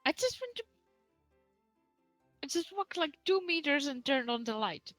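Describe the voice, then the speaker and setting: A woman's voice: sits high, sing-song, a little slow, a bit bright, no echo, soft background music. A woman playing a tabletop game, chatting casually and joking. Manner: playful, joking. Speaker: player.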